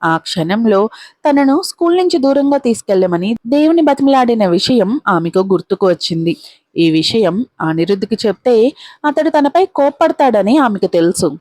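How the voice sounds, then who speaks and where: A woman storyteller reading a serialized story in a steady, dramatic way. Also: fairly high pitch, moderate pace, dry recording. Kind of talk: scripted audio-story narration.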